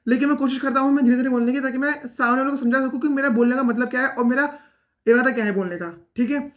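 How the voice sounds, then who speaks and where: A young man speaking very fast in a casual, rambling monologue, poking fun at himself while giving motivation to fellow exam aspirants. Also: very high voice. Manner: very fast, rambling, self-mocking talk.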